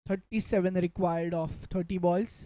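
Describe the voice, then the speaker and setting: Hindi cricket commentary, crisp clean voice, ball-by-ball calls, English cricket terms mixed in, dry sound. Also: medium pitch, fairly even intonation, takes it slowly, warm tone, no room sound.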